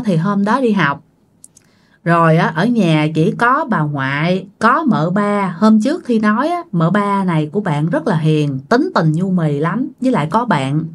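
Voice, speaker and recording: A woman telling a ghost story in a chatty, casual way, talking straight to her listeners. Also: medium pitch. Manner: chatty, addresses listeners directly.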